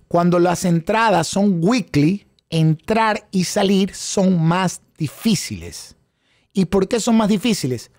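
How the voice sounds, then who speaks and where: A man's voice: high-pitched, vocal fry, darkish tone, dry recording, studio quality. A middle-aged man teaching a live online class in Spanish mixed with English terms, quizzing viewers and repeating phrases for emphasis. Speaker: instructor in options trading. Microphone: close studio microphone on a desk setup.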